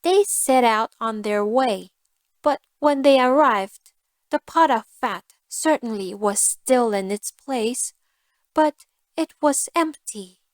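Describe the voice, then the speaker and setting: A woman reading a scripted fairy tale for language learners, enunciating carefully and deliberately. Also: fairly high pitch, no echo. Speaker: storyteller.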